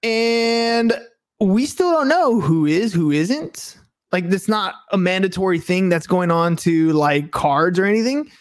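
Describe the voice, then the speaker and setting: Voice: medium pitch, animated, unhurried. A speaker in a casual debate who talks hesitantly, asking questions and often restarting sentences. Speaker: conversation partner.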